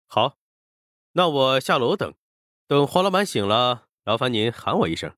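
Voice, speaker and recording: Man playing a polite young man, humble, deferential, lively intonation, dry audiobook sound. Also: medium pitch, moderate pace, dry recording. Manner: courteous, deferential. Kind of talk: audiobook character voice.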